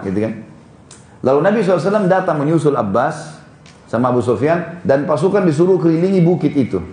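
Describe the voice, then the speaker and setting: With a mid-range, darkish voice and a roomy sound, this Islamic preacher gives a storytelling lecture, casually indicating spots on a drawing and fixing his own slips as he goes.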